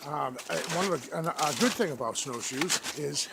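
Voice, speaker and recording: A man talking casually to his vlog viewers, halting and rambling as he trudges through snow outdoors. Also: fairly high pitch, lively intonation, creaky. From New England, United States. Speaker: outdoor vlogger. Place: outdoors on a snowy forest trail. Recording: noisy outdoor audio with clicks.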